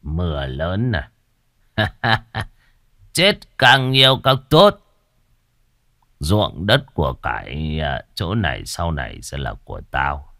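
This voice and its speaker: A man's voice: extremely low pitch, wildly swooping pitch, takes it slowly, gravelly, sharp tone, dry recording, studio quality, pitched below the performer's own voice, exaggerated voice. A man voicing a cruel old village landlord who sneers and laughs mockingly in a storybook reading. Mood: gloating.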